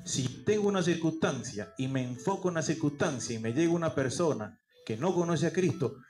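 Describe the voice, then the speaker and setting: A man's voice: on the high side, lively intonation, a little fast, a little mellow, faint music behind. A male pastor preaching a sermon, asking rhetorical questions and answering them himself. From Peru. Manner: rhetorical questions answered aloud, acts out quoted voices.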